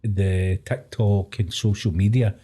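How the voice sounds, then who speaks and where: A man's voice: lowish voice, steady tone, slow, warm tone, husky. A Scottish man co-hosting a podcast, musing thoughtfully in casual chat. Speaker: podcast cohost.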